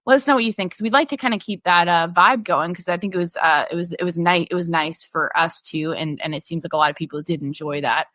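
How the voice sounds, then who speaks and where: Female podcast co-host, lower-pitched, dry close sound, rambling conversational delivery. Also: quick pace, few pauses, a bit bright, no room sound. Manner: chatty, many restarts and fillers, laughs easily. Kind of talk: casual chat reading patron questions.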